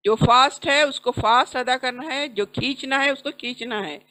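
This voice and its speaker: तेज़ रोशन आवाज़ वाली तजवीद शिक्षिका. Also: female voice, sits high, sharp tone. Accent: Indian. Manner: drawn-out chanted syllables between quick explanations. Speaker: tajweed teacher. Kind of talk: recitation lesson.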